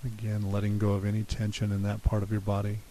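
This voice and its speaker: A man calmly leading a guided relaxation exercise in a soothing, unhurried manner. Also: fairly low pitch. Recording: steady hiss behind the voice.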